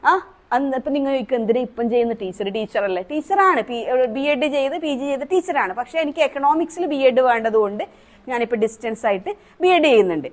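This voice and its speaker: High-voiced Kerala woman teaching a class. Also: animated, a little fast. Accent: Malayali, Kerala. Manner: asks the class questions, demonstrates sounds. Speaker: Montessori trainer.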